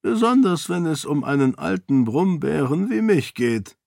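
A man voicing an older duke in an audiobook, gruff and measured in his speech. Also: a little high, very animated, darkish tone, no room sound, studio quality, voice pushed up, full character voice. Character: older duke, gruff self-styled old bear. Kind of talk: audiobook character voice.

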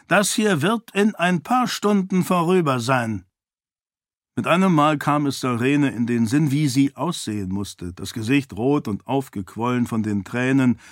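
A man narrating a fantasy audiobook in a steady, measured storytelling manner. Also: mid-range voice, no room sound, clean studio sound.

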